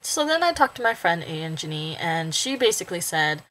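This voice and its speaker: A woman's voice: on the low side, very animated, moderate pace, fairly bright tone, a little hiss or hum, rough recording. A woman in her twenties talking casually to camera in a vlog, jokey and full of "like" fillers. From Washington State, USA. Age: 20s. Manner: chatty, jokey, lots of "like" fillers, swings into silly character voices. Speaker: vlogger.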